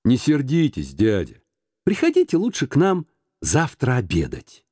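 A man's voice: medium pitch, huge pitch swings, normal speed, mellow, slightly rough, no room sound, clean studio sound. Man doing an eager pleading young nephew. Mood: earnest.

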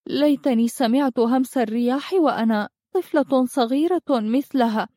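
A woman reading a storybook brings to life an insecure young fairy girl who thinks herself ugly. Her voice rides higher than the narration, anxious and wistful, full of worried questions. The sound is dry and close. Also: moderate pace, dark tone, no room sound.

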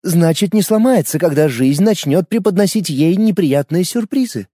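A man's voice: sits high, lively intonation, moderate pace, warm tone, dry recording, clean studio sound, pitched above the performer's own voice. A man voicing a young princess heiress who speaks coldly and strictly, lecturing her friends, in an audiobook.

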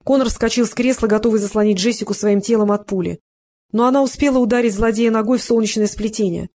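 Narrator: mid-pitched, measured, scripted audiobook reading. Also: fairly even intonation, darkish tone.

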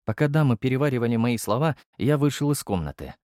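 A man's voice: mid-range voice, animated, fast talker, darkish tone, dry recording, clean studio sound. A man narrating a first-person fantasy audiobook in a brusque, blunt manner.

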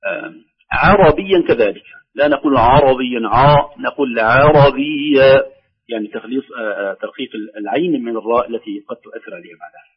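A man teaching the rules of Quran recitation, explaining each rule and then reciting slow, drawn-out examples. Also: medium pitch, animated, husky, muffled recording. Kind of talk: tajweed lesson with recited examples.

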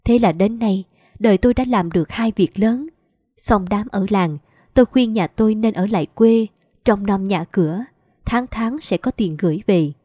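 A woman's voice: medium pitch, moderate pace, warm tone, no room sound, studio quality. A woman narrating a story in the first person, in a plaintive, lamenting way. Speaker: audiobook narrator.

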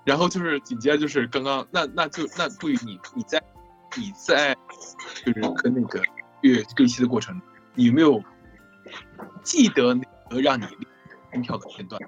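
Over an online voice call with background music, a male host leads a casual Q&A with the cast of an audio drama. He speaks in a mid-range voice at normal speed with long pauses, on a muffled recording, frequently restating and rewording his questions.

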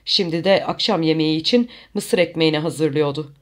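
Audiobook narrator, steady even storytelling, middle pitch. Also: brisk. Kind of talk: scripted narration.

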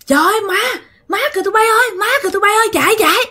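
A woman doing shrieking panicked village boys. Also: racing. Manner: shrill frantic yelling.

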